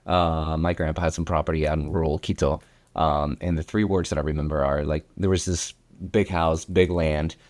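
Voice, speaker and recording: A man from Ecuador co-hosting a housing podcast, talking in a relaxed, rambling way with many fillers. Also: rumbling low, moderate pace. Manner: relaxed, lots of fillers and restarts. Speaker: podcast co-host. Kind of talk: casual podcast chat.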